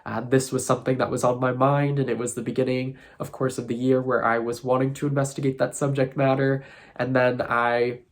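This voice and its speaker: A man's voice: medium pitch, little pitch movement, fairly quick. A man with a nasal, congested voice from sinus trouble, talking in a thoughtful, musing way in a casual vlog. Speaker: tarot content creator.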